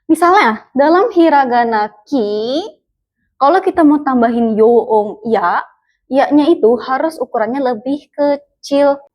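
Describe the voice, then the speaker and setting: Slow, patient young woman teaching. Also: high voice, a little mellow. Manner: patient, repeats sounds slowly for learners. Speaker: Japanese language teacher. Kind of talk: explaining lesson to viewers.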